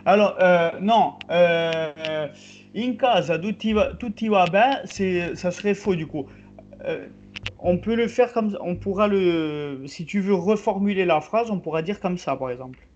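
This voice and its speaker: Man, language teacher, online class, slow halting delivery, muffled call audio, faint hiss. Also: sits high, darkish tone. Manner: slow, halting explanations with many fillers. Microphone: video call.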